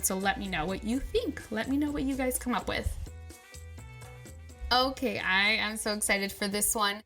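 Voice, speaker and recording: A woman's voice: on the high side, a bit bright. A woman hosts her own podcast, a wedding planner talking straight to listeners. She sounds upbeat and reassuring, chatty and easygoing, with small restarts as she thinks aloud. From Southern California. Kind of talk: solo podcast advice talk.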